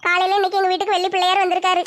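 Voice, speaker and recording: A woman's voice: very high-pitched, monotone, rapid-fire, a bit bright. A woman acting in a village comedy skit, chatty and eager.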